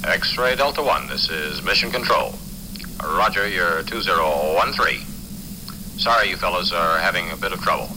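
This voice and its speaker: A mission control operator heard over a radio transmission, his very low voice calm and clipped in radio procedure. Steady hiss rides under every word of the link. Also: moderate pace. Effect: radio transmission from ground control.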